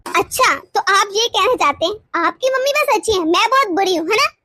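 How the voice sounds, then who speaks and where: A woman with a very high voice speaks briskly, dramatically playing a young wife in a melodramatic domestic story. The character is jealous, wounded, sulky and controlling, and her mood is bitter and sullen; when upset she repeats her words.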